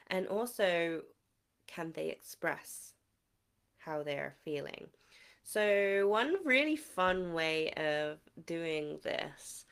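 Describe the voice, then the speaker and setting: A woman in her thirties, a kids' yoga teacher and parent, explaining calming practices to parents in a casual, animated way, often checking in with "right?". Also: low voice. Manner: animated, dramatic acting-out of examples, frequent "right?". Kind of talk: casual instructional talk to parents.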